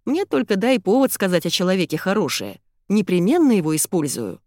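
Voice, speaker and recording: Woman reading a cheerful male journalist, jaunty, matter-of-fact, lively intonation, dry sound. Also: mid-range voice, fairly quick, no echo, lightly acted. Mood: breezy.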